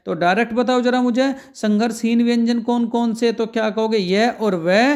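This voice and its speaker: A man with a strikingly high voice leads an exam-prep grammar lesson. He keeps asking the students what they would answer and then gives the answer himself, in a steady call-and-response rhythm. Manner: call-and-response questioning, answering his own questions. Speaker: Hindi grammar teacher.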